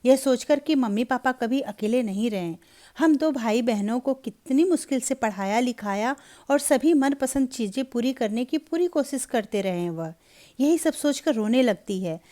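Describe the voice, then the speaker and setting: A woman narrating a Hindi story in an even, measured storybook reading. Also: on the high side.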